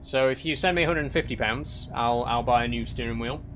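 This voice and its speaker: A little hiss or hum sits under this live stream, where a young Yorkshire man reads out viewer comments in his regional accent. His medium-pitched voice is fairly bright and a little fast, and he chats casually, restarting frequently and teasing with dry humor.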